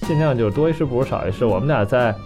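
A man's voice: medium pitch, expressive, racing. Joking Beijing-accented man telling stories over music. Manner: colloquial, joking. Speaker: guest, father sharing family travel stories. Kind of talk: casual conversational storytelling. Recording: music behind the talk.

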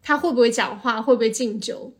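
A woman's voice: fairly high pitch, fairly quick. A woman co-hosting a podcast in casual, reflective conversation, explaining things analytically and at length. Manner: analytical, explains at length with occasional English filler. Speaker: podcast co-host.

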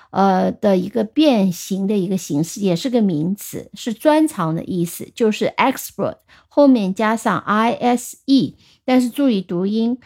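A middle-aged woman teaching English vocabulary on a radio show, patiently spelling words letter by letter and reading example sentences slowly and clearly. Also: mid-range voice, darkish tone.

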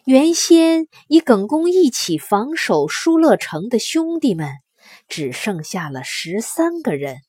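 A woman reading a historical story aloud with expressive narration. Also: on the high side, slow, slightly rough, no room sound, studio quality.

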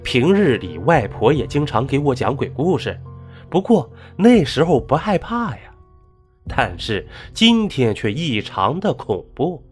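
Animated male ghost-story narrator. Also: medium pitch, unhurried, faint music behind. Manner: dramatic, rising and falling delivery.

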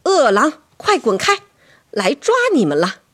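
A woman voicing a fierce, protective mother in a bedtime story, scolding loudly. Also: on the high side, very animated, a little slow, voice pushed up. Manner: loud, scolding.

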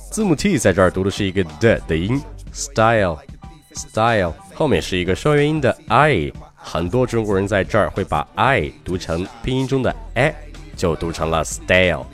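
Lively low-voiced man teaching English pronunciation. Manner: lively, slow careful demonstration of words. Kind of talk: podcast pronunciation lesson.

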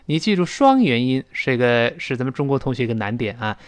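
A man from China teaching English pronunciation in a recorded lesson, explaining and demonstrating sounds slowly and loudly. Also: medium pitch, big pitch swings, smooth, no echo.

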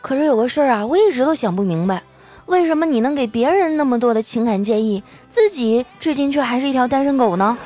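A cheeky, sharp-tongued young office girl, as a woman storyteller puts her on, her voice pitched high and swinging up and down. Soft music plays faintly behind her in this comic audio sketch. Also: lively intonation, quick pace.

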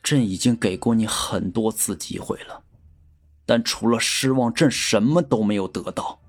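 An actor voicing a cold, embittered emperor who gives stern commands. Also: male voice, lowish voice, moderate pace, soft background music, lightly acted. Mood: bitter.

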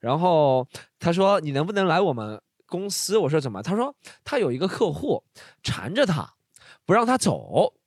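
Man, podcast host, casual storytelling, animated, high lively voice. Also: moderate pace, dry recording, clean studio sound. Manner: animated, acts out quoted lines, laughs often.

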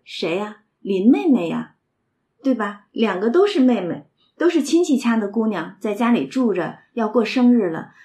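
A woman's voice: on the high side, warm tone. Woman quoting an evasive henpecked nobleman. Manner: bantering, placating.

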